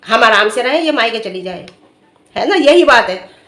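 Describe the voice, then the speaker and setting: A woman's voice: fairly high pitch, animated, normal speed, sharp tone, roomy sound. A middle-aged woman vlogger giving direct-to-camera commentary, earnestly lecturing and scolding with rhetorical questions. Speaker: vlogger commenting on another family's dispute.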